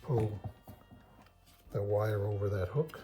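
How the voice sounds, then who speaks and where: Taking it slowly in a lowish, mellow voice, a man hosts a car restoration video, chatting and explaining each step while working inside a car in his garage. Soft music plays in the background of this casual how-to.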